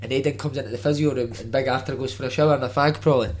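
A man's voice: mid-range voice, fairly even intonation, racing. A man with a Glasgow accent telling casual anecdotes in matey, sweary street vernacular, over background noise. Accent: Glasgow, Scottish.

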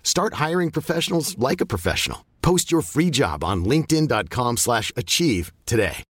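Male ad read, animated pitch, dry close recording. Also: moderate pace, no echo. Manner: upbeat, persuasive pitch. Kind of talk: advert read.

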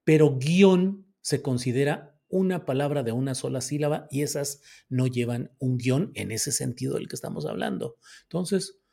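A man's voice: medium pitch, creaky, dark tone, breathy edge. A man with a Mexican accent hosting a casual commentary, reading viewer comments and answering them in a chatty, sardonic way. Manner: chatty, sardonic, drawn-out emphatic words.

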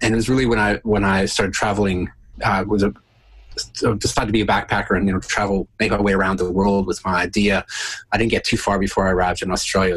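A middle-aged man from Canada talking casually as a podcast guest, halting and repeating words. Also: low voice, fairly bright tone, breathy edge, poor audio. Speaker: podcast guest, naturopath and researcher. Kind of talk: casual interview storytelling.

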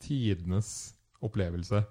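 Lively Norwegian man telling a story. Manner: animated, acts out quotes with rising pitch. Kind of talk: casual storytelling chat.

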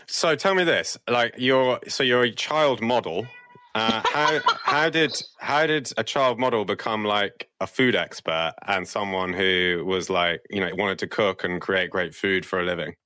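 A man's voice: lowish voice, measured pace, bright, forceful tone. A man hosting a casual interview, upbeat and easily amused. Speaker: host.

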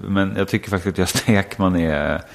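Comedian guest, low gravelly voice, rambling and self-mocking. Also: male voice. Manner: rambling and self-deprecating, with frequent laughs. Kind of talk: casual podcast interview.

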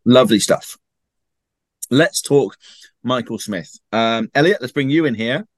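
A man's voice: medium pitch, a little slow, no echo, clean studio sound. Upbeat man hosting a football podcast. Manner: upbeat, jokey, steering the chat. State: just recovered from illness. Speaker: podcast host. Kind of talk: casual football podcast chat.

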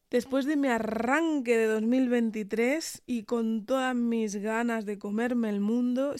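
A woman's voice: medium pitch, a little mellow, dry recording. Encouraging Spanish woman, dry close sound. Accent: Spain. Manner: earnest, encouraging, addresses listener directly. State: sick with tonsillitis and fever. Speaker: podcast host. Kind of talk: motivational solo monologue.

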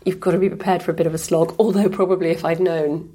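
A woman entrepreneur with a slightly croaky voice, talking hesitantly and modestly in a casual interview. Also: on the low side, steady tone, fast, dark tone. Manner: hesitant, self-deprecating, laughs often. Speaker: guest entrepreneur.

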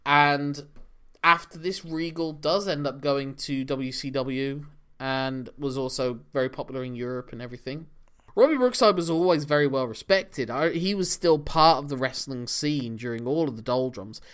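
Here a man with a smooth, slightly bright, medium-pitched voice talks at normal speed. As a podcast co-host, he chats analytically about wrestling matches in casual discussion, with lots of laughs.

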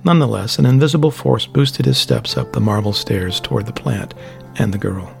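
A man reading a novel aloud as narrator, in a steady, descriptive way. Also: fairly low pitch, fairly quick, vocal fry, faint music behind. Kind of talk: audiobook narration.

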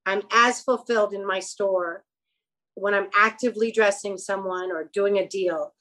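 A woman guest in a relaxed interview, spinning long, animated stories that jump around. She voices the people in them as she goes. Her pitch sits in an ordinary middle range. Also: normal speed, rough recording. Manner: animated, rambling anecdotes with quoted dialogue. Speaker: guest, actress and clothing store owner. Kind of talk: casual storytelling interview.

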